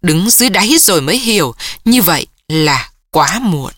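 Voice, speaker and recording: A woman reading a novel aloud as an audiobook narrator, voicing the dialogue in her own voice and lifting her pitch for the emotional lines. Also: big pitch swings, normal speed, fairly bright tone, no room sound, studio quality. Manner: reads several characters in one voice, lifting pitch for emotional dialogue.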